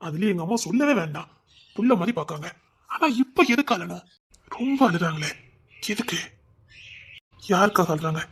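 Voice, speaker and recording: High-voiced male storyteller. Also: animated, normal speed, long pauses, fairly bright tone, slightly rough. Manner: wondering, questioning, then conversational dialogue. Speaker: storyteller voicing all parts. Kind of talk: dramatic audio story telling.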